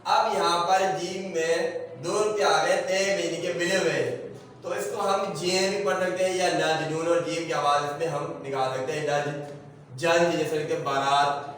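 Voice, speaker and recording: A male teacher giving a slow, explanatory alphabet lecture, repeating each point patiently. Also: a little high, steady tone, a bit bright. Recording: very echoey, voice from a distance with faint room noise.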